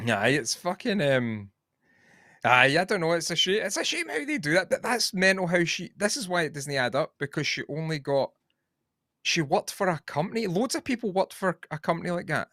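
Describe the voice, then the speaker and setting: A Scottish man co-hosting a podcast, chatting casually in an animated, sweary, rambling way. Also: a little high, moderate pace, no echo, clean studio sound. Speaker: podcast co-host. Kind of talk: casual comedy chat.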